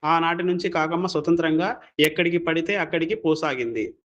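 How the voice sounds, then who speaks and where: A man telling a folk story as scripted narration, steady and plain. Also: a little high, a little fast, dull audio.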